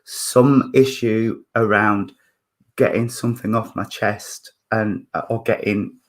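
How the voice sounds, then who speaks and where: Haltingly, with frequent fillers and false starts, a man in his fifties delivers a spiritualist mediumship reading as he thinks aloud. His husky voice is lowish and his tone steady.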